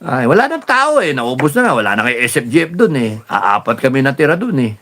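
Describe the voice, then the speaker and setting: A man hosting a casual live stream, reading viewer comments and telling stories in a rambling, animated way with many fillers. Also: mid-range voice, fast talker. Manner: rambling, animated storytelling with laughs and repeated fillers.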